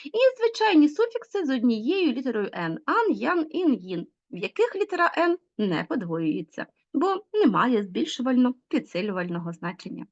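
A woman teacher with a fairly high voice that swings widely up and down as she explains a grammar lesson to children. She draws out the key words slowly and keeps checking in with the class through questions. The recording is dull and lo-fi. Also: big pitch swings. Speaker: school teacher.

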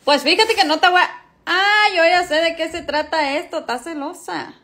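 A woman's voice: extremely high pitch, moderate pace, sharp tone, full character voice. A woman voicing an easygoing middle-aged father who teases and flirts with a laid-back drawl. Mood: teasing.

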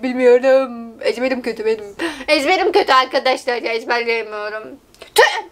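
A woman's voice: fairly high pitch, brisk. A woman vlogger chatting casually to her viewers, giggly and self-mocking. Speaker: TikTok vlogger.

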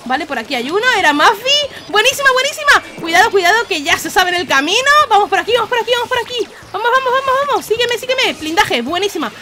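A young woman from Spain with a Spanish accent, excitably commentating her own online match, laughing often and shouting warnings to her team. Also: extremely high pitch, fast talker, hardly any pauses. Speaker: gaming YouTuber. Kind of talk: live gameplay commentary.

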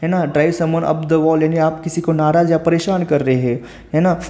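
A man's voice: fairly high pitch, steady tone, moderate pace, dark tone. A man teaching vocabulary and idioms in a casual Hindi lecture, spelling words letter by letter and often asking "है ना". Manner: explains idioms step by step, spells words letter by letter, asks rhetorical questions; frequent filler "है ना".

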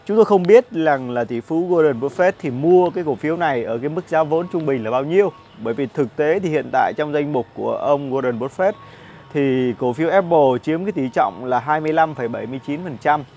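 Man, thirties, casual market commentary, lapel mic, fairly high-pitched, rambling with fillers. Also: brisk, a little mellow, dull audio, a little hiss or hum. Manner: chatty, many fillers and repeated words. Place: outdoor cafe patio with plants.

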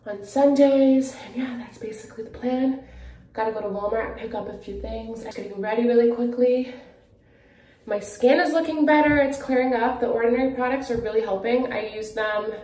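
A woman's voice: medium pitch, mellow. A young woman chatting casually to her handheld camera in a vlog, bubbly and gushing, full of "like" and "obsessed". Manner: bubbly, gushing, filler-heavy. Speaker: vlogger. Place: car and shops, indoors. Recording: echoey room with faint ambient noise.

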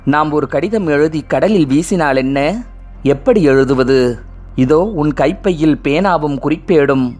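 A playful young journalist, as the narrator voices him, tender and gently coaxing in a storybook reading. His voice sits somewhat high for a man. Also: a little slow, soft background music. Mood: eager.

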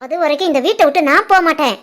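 A woman voicing a scheming young village woman in an animated family drama, complaining and insistent, with a southern Tamil Nadu village dialect. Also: high-pitched, very fast. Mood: bitter. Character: sharp-tongued scheming young village woman, sister-in-law.

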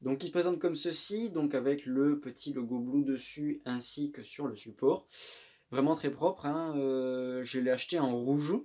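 Here a tech unboxing vlogger speaks at a moderate pace in a mid-range male voice, casually joking at his own expense as he unpacks a microphone. The phone recording was made indoors, and his tone stays relaxed, chatty and self-mocking.

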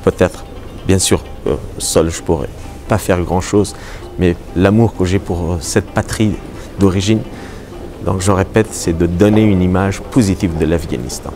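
A middle-aged painter from Afghanistan speaking with an Afghan accent, halting with many fillers and restarts, in an on-camera interview in a gallery. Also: male voice, deep voice, fairly even intonation, music in the background. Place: art gallery hall. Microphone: lapel mic.

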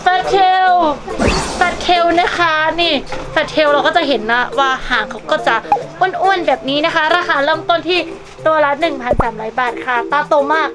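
She's high-pitched and fairly quick, showing off pets for a shop video with playful gushing that switches between sales talk and baby talk. Background music sits behind her cheerful vlog.

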